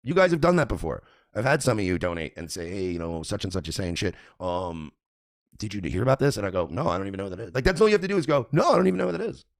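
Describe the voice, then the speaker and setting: Low voiced dude ranting on his show, swears a lot, pitch swings all over, dead dry sound. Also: big pitch swings, fast talker, no echo. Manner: profane, repetitive, mocking. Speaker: radio show host. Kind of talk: ranting commentary.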